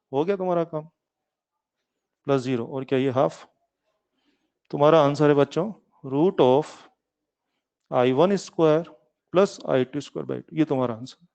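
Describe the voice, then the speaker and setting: A man leads a physics lesson, coaxing his students along in a playful, teasing way. His voice sits a little high and comes through smooth and clear. The recording sounds a bit muffled. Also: a little mellow. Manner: coaxing, talks to students as kids; playful, calls himself lazy. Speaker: physics teacher. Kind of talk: online classroom lecture. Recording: slightly muffled lecture recording.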